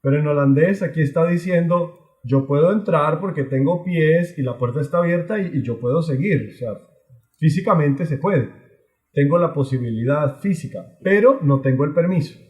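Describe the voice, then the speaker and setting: A man teaching an online language lesson, explaining patiently and slowly, often repeating phrases. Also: on the high side, a little mellow, reverberant. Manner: slow, patient explaining with many repetitions.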